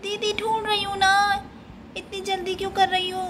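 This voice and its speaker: Whiny little girl doll in a doll story, woman voicing, very high, noisy recording. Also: little pitch movement, moderate pace. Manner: whiny, pleading. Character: small timid girl doll.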